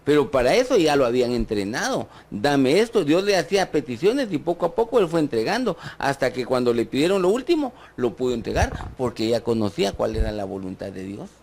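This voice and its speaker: A man's voice: medium pitch, sing-song, fairly quick, creaky, few pauses, darkish tone. A man with a Guatemalan accent preaching a sermon, asking his listeners rhetorical questions and joking with them. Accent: Guatemalan Spanish. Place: church.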